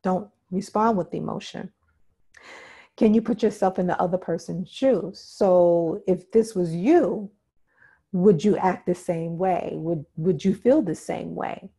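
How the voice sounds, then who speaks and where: A woman's voice: fairly low pitch, measured pace, gravelly, mellow, breathy edge. A woman instructor giving an interactive workshop talk, emphatic and repeating key points while often checking in with her listeners. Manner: emphatic, checks in with "okay?" and "right?".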